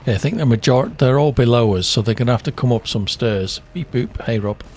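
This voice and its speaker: A man's voice: medium pitch, quick pace, darkish tone, soft background music. A man streaming a co-op game, chatting casually and often trailing off mid-sentence. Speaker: streamer playing co-op. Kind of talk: casual gaming chat.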